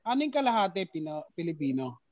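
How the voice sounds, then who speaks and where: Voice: mid-range voice, big pitch swings, fast talker, darkish tone, no room sound. A podcast co-host in a casual chat, joking around and laughing often.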